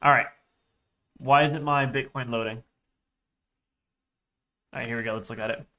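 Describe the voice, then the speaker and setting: A young man chats on a live trading stream, reading chat aloud, wandering off on tangents and correcting himself. His congested voice is medium-pitched and sharp, with fairly even intonation and a moderate pace.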